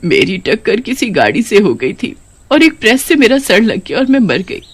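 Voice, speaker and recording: A woman's voice: mid-range voice, sing-song, normal speed, slightly rough, dry recording. A woman voicing a grieving mother who has become a witch ghost, pleading and motherly in a cartoon story. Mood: anguished.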